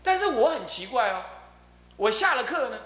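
A middle-aged man, giving a Buddhist dharma talk as abbot and telling stories in a lively way, often repeating his fillers. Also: very high voice, normal speed. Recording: roomy echo with faint hum.

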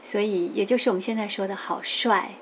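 A middle-aged woman lecturing on classical poetry, explaining characters patiently, reading verses slowly and often adding a soft "ha". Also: medium pitch, slight background noise. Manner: lively, explains patiently, ends many phrases with a soft "ha"; reads quoted verses slowly and with emphasis.

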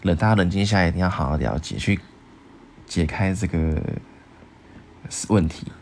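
A young man co-hosting a podcast with his wife, calmly defending himself and giving drawn-out explanations. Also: low-pitched, a little hiss or hum. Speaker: podcast co-host. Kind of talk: casual chat.

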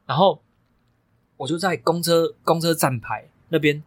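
A man's voice: a little high, fairly even intonation, unhurried, no echo. A young man, a coach co-hosting a podcast, telling stories emphatically and swearing freely. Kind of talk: casual podcast chat.

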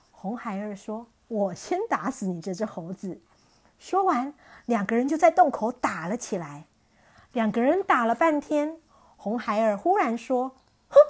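A woman telling a classic tale to young children, her fairly high voice rising and falling with plenty of expression. She reads with lively warmth and clear pacing for little listeners. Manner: animated, expressive reading. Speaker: children's storyteller. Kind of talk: storytelling for children.

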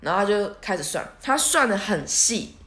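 A woman's voice: mid-range voice, sing-song, moderate pace, a bit bright. A young woman, hosting a podcast and telling a story in a chatty, self-mocking way. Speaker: podcast host. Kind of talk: casual storytelling monologue. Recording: echoey room.

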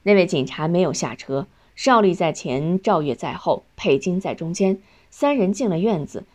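A woman reading a novel aloud in calm, steady scripted narration. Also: fairly low pitch, moderate pace. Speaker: audiobook narrator.

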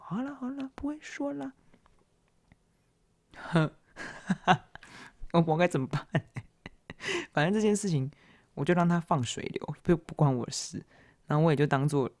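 Young man, solo podcast host, animated self-mocking storytelling, mid-pitched voice. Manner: animated, laughing, self-mocking retelling of awkward moments.

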